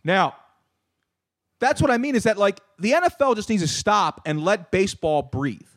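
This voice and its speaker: A man in his thirties hosting a casual sports talk show, animated and ranting, often repeating words. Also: high voice, moderate pace, no room sound, studio quality. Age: 30s. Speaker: podcast host.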